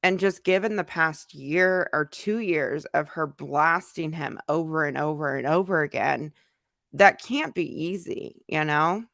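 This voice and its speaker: An American YouTuber hosts a casual livestream, answering viewer comments in loose conversational fragments. Her deep, fairly bright voice has vocal fry and moves a little slowly, recorded with studio quality and no echo.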